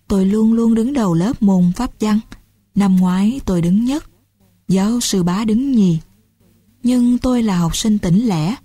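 A woman calmly reading a first-person novel aloud as an audiobook narrator. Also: medium pitch, husky, no room sound.

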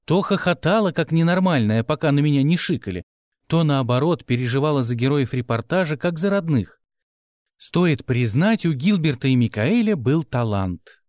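A man narrating an audiobook with expressive first-person storytelling. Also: a little high, moderate pace, no room sound.

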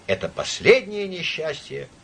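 A man reading an audiobook in a dramatic, expressive way, with a husky voice. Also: fairly high pitch, a little slow, a little hiss or hum. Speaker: audiobook narrator.

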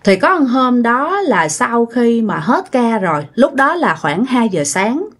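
In an unhurried, sing-song voice pitched a little high, a Southern Vietnamese woman spins a ghost story. She talks to her listeners directly in a relaxed, conversational way, leaning on plenty of tag particles.

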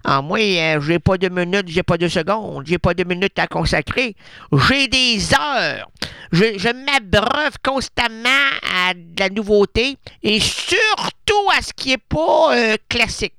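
A man's voice: high-pitched, animated, a little slow, vocal fry, bright, forceful tone, smooth, no echo, studio quality, full character voice. A man voicing a chatty, nosy older woman radio listener with a Québécois accent, rambling and interrupting herself in a radio comedy sketch. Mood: gushing. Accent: Québécois French. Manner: rambling, gossipy, self-interrupting.

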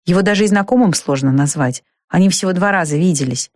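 A woman reading a storybook aloud in a steady, even narrating voice. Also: on the low side, fast talker, no room sound, studio quality. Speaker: audiobook narrator.

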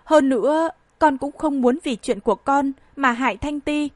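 A woman's voice: high-pitched, normal speed, no room sound, lightly acted. A woman voicing a scheming, tearful plotter. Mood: pleading. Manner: pleading and self-pitying.

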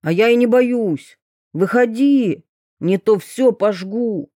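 Bold lost peasant youth, gruff and demanding, unhurried, as a woman reader puts him on. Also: on the high side, mellow, no echo, clean studio sound. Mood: defiant. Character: lost young peasant man, stubborn and bold.

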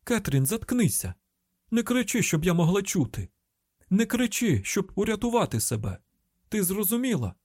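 A man's voice: sits high, big pitch swings, normal speed, no echo, clean studio sound, pitched above the performer's own voice. A man voicing a tense, commanding young woman FBI agent in an audiobook, with a Ukrainian accent. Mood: urgent. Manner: urgent shouted commands.

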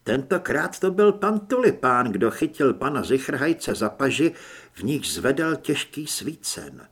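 A man reading an audiobook in lively, dry-toned storytelling narration. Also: medium pitch, husky. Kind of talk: scripted narration.

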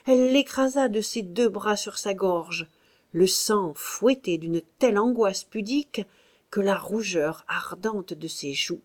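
A woman reading a classic novel aloud as narrator, in an unhurried, expressive manner. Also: mid-range voice. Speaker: audiobook reader.

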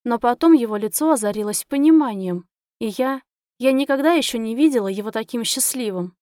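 A woman narrating a romantic fantasy audiobook in the first person, expressive and emotional. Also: fairly high pitch, brisk, no room sound, studio quality.

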